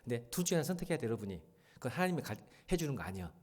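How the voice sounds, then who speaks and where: A middle-aged man preaching a sermon in a church, swinging between hushed pleading and loud, fervent exclamations. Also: mid-range voice, sing-song, racing. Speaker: pastor. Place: church sanctuary.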